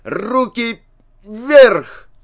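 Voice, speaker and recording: A bold, quick-thinking boy with a terse, commanding manner as a man reads him. His voice sits a little higher than the narrator's low tone, in a dry close recording. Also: a little mellow, no echo, natural voice. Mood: shouting.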